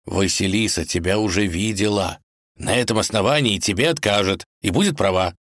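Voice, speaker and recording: Sensible talking wolf, low and dry-witted, read by a man in his own voice. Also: fairly quick, fairly bright tone, no room sound. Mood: exasperated. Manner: dry and exasperated.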